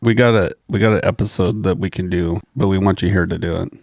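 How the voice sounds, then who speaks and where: A man's voice: sits low, fast talker, gravelly, a little mellow, no room sound. A man co-hosting a casual podcast, ribbing a friend. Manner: joking, ribbing. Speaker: podcast co-host. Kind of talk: casual banter.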